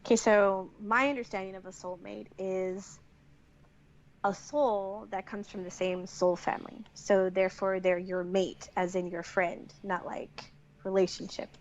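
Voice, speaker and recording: A woman co-hosting a podcast, explaining ideas in a relaxed, chatty way. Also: medium pitch, measured pace, muffled recording, slight background noise. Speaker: podcast co-host. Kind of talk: casual podcast chat.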